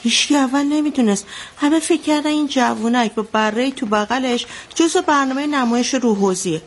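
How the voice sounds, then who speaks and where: A woman's voice: high voice, a little hiss or hum, close to an everyday voice. An actress playing an anxious mother who recounts a bloody wedding in a radio drama, telling it vividly. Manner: vivid storytelling, shouting out the quotes she retells.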